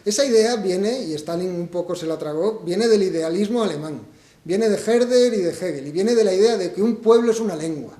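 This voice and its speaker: A man from Spain speaks at a book presentation with a fairly high but mellow voice, working through his ideas aloud and asking the audience rhetorical questions. The hall around him adds a roomy echo. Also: animated, fairly quick. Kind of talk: public talk to an audience. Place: event hall.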